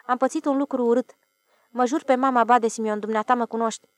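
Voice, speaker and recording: A woman's voice: fairly high pitch, steady tone, no room sound, studio quality, natural voice. A woman voicing a frightened village man, insisting with oaths that he saw a flying saucer. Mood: pleading. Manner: pleading, emphatic, swearing oaths.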